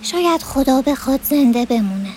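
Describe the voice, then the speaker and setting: A woman's voice: high-pitched, lively intonation, darkish tone, a little hiss or hum, voice pushed up. Woman playing a pious old grandmother. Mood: soothing. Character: older traditional grandmother, pious and soothing.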